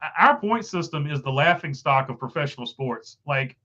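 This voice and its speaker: A man with a blocked nose and failing voice hosts a casual livestream, working through viewer comments with rambling, filler-laden talk. His slightly high voice is expressive, bright, and forceful at a moderate pace, in a muffled recording.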